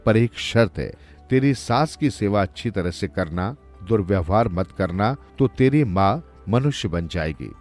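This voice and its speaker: A man's voice: on the low side, animated, measured pace, a little mellow, faint music behind. A man voicing a stern, mighty male god who speaks solemnly and gives commands, in a cartoon story.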